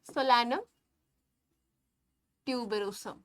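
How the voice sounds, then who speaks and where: Writing on screen during an online exam-prep class, this biology teacher spells out terms slowly and keeps checking in with her students. She has a slightly high voice.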